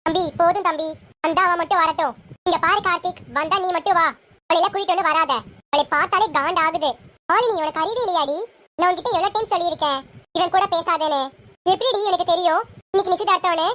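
A performer playing a bossy, angry elder sister in a serial parody skit, scornful and shouting insults. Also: very high voice, fast.

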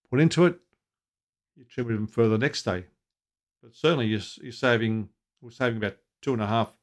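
Man, 60s, consultant explaining kitchen practice to camera; plain, practical, anecdotal delivery. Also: medium pitch. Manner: practical, anecdotal, asks viewers questions. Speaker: restaurant consultant. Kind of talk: advice video to camera. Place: home office with bookshelves, indoors. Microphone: webcam at desk.

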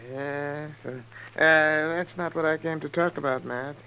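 An American actor playing a crusty, plucky Old West doctor with a halting, crotchety delivery, in 1950s radio western style. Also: male voice, a little high, steady tone, creaky, bright, forceful tone, smooth, heavily acted. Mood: agitated. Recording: noisy 1950s radio recording with hum.

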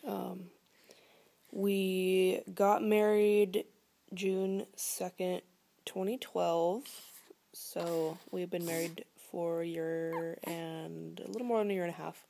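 Filmed close-up at home in her living room on a phone or laptop camera, a twenty-something vlogger chats casually, rambling with many fillers and now and then slipping into a whisper. Her voice is low, dark, creaky and fairly monotone, her pace slow, with a little hiss or hum in the audio.

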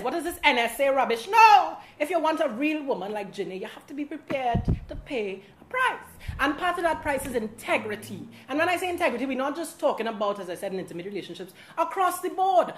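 A young Trinidadian woman rants to camera in a sassy, theatrical comic vlog. Her voice sits high and sounds bright and sharp. Her words bounce around an echoey room. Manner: sassy, dramatic, rapid swings in loudness. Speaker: vlogger.

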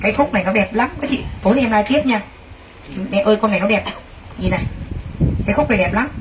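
Speaking fast in a mid-range voice, a woman hosts a live clothing sale and addresses her viewers directly with gushing exclamations. The mic is far from her, and there's faint noise in the background.

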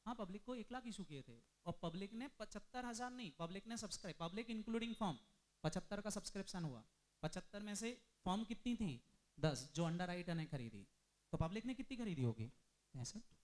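He's a male commerce teacher with a high, animated, slightly mellow voice, quizzing his students nonstop during a classroom lecture. His rapid-fire questions mix Hindi with English terms.

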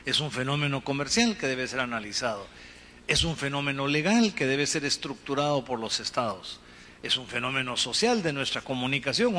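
A middle-aged man from Guatemala giving an earnest, measured talk on a conference panel, speaking into a handheld microphone. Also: on the high side, bright, forceful tone. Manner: earnest, measured, gesturing with his free hand. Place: conference hall stage. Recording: reverberant hall, faint room noise.

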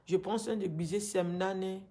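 A woman in her thirties speaks French with an Ivorian accent, in a medium-pitched voice. She is distressed and grieving, giving personal testimony in a halting way, often in short listed phrases. She talks into a phone held at arm's length in a room at home. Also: steady tone, mellow. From Ivory Coast. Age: 30s. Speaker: vlogger making a personal appeal. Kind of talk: emotional personal testimony to camera. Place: small indoor room at home.

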